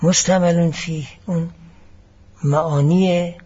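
A man giving a classroom lecture as a seminary teacher, explaining each point deliberately and mixing in Arabic phrases. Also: on the high side, steady tone, warm tone, breathy edge, highs cut off.

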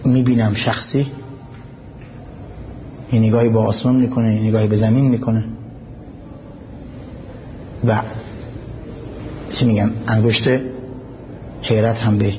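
A man's voice: fairly low pitch, level tone, pauses often, a little mellow, big-room sound, muffled recording, a little hiss or hum. A man giving a religious lecture who recites Arabic passages, explains them and puts questions to his listeners. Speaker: preacher.

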